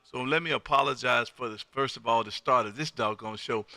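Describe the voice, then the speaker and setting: An amateur radio operator from Texas hosts a live ham radio stream, folksy and exuberant, repeating his phrases as he chats on air. His medium-pitched American voice is fairly quick, pushed and bright, with no echo.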